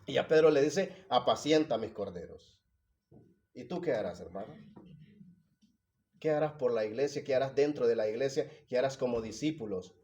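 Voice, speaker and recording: A man preaching a sermon, swinging from hushed, emotional passages to loud, rising appeals. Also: medium pitch, fairly quick, dull audio.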